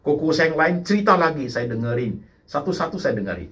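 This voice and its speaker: A male pastor preaching a sermon in an animated way, slipping English words in and often turning to address the congregation. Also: a little high, quick pace. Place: church service.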